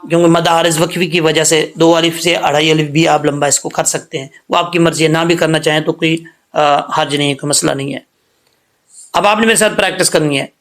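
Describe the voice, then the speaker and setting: A man with a fairly high voice gives a patient recitation lesson. He spells each word out sound by sound, then draws the verse out in a slow, melodic chant. He keeps stopping to ask his listeners whether they follow. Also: fairly bright tone. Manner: checks understanding with repeated questions. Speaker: Quran recitation teacher. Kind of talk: tajweed lesson, spelling words letter by letter.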